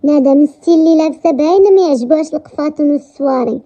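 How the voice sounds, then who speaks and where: Woman voicing a playful young dressmaker, Moroccan accent, high mellow voice, lo-fi. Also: racing. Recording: dull lo-fi recording.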